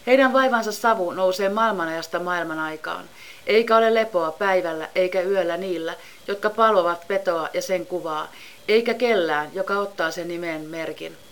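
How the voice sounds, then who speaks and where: A woman giving a measured, solemn scripted Bible reading. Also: on the low side. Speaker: scripture reader.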